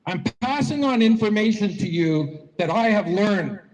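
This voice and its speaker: A man's voice: sits high, lively intonation, measured pace, darkish tone, long reverb tail, muffled recording. A man giving a folksy, repetitive motivational speech to a crowd at an outdoor rally, telling stories as he goes. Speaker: rally speaker. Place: outdoor public square rally.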